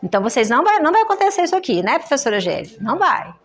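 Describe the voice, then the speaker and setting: Brazilian woman teaching a writing class, slightly high voice, keeps checking in with the room. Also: big pitch swings, very fast. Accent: Brazilian Portuguese. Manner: explanatory, checks in with "tá?" and "né?". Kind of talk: classroom lecture. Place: in-person workshop room.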